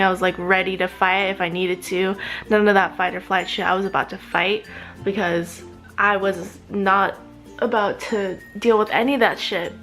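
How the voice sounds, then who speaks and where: A young woman vlogging about her night, sounding indignant and worn out from lost sleep. She talks casually with lots of "like" and plenty of swearing, at a middling pitch. Faint music plays underneath. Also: a bit bright. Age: young adult. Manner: indignant, swears freely, many fillers. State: agitated and sleep-deprived. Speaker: vlogger, graduate student. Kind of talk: casual storytelling vlog.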